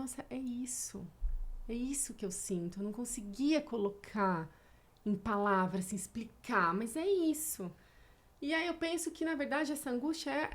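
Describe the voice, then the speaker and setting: Rather high for a woman, this Brazilian guest in her thirties talks through her own experiences in an open, reflective way. Her conversation is casual and emotional. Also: darkish tone. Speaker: podcast guest.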